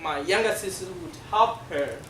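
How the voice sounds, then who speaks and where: A middle-aged South Sudanese man, a Dinka speaker, explains things to a class in a halting way, often pausing with fillers. His voice sits a little high for a man. The recording comes from a distance in an echoey room with a noisy background. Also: a bit bright. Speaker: guest speaker. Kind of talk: classroom presentation.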